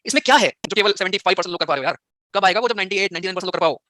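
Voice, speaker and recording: Male teacher, very fast speech, bright sharp voice, dry close sound, teasing and scolding. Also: high-pitched, lively intonation, dry recording. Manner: teasing, scolds students by turns. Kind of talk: live online exam-prep class.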